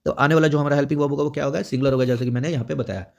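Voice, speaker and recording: A man's voice: mid-range voice, fairly even intonation, racing, vocal fry. A man teaching an exam prep grammar lesson, explaining step by step and checking in often. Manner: explains step by step with frequent "theek hai" check-ins.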